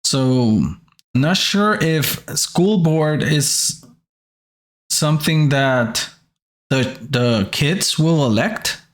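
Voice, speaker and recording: A man hosting casual reaction commentary on commercials, halting as he searches for words. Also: on the high side. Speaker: host reviewing commercials.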